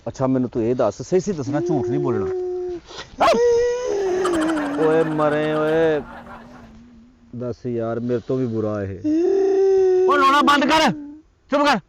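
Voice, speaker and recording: A man's voice: medium pitch, very animated, a little slow, pauses often, very noisy. A man in a comedy sketch grilling a thief, scolding and mocking him. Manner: scolding, mocking, demanding answers. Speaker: village man interrogating a thief. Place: outdoors in a village.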